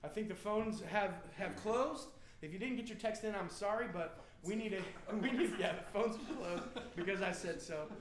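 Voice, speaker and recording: An American man from Indiana hosts a band's live stream, joking and telling stories with viewers in a playful, rambling, slangy way. His voice is high, his pace moderate with hardly any pauses. The sound is roomy and echoing, with slight background noise.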